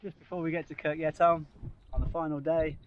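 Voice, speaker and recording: A man's voice: fairly high pitch, level tone, a little fast, phone-quality sound. A man giving casual, chatty walk-along narration as a hiking vlogger, talking informally into a handheld camera outdoors. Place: outdoors on open moorland hills. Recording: outdoor wind and ambient noise.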